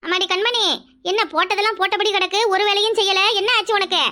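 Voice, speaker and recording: Very high bright voice, woman playing a scolding old cartoon grandma, bossy and sharp-tongued. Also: fairly even intonation, fast. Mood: nagging. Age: older. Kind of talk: cartoon voice acting.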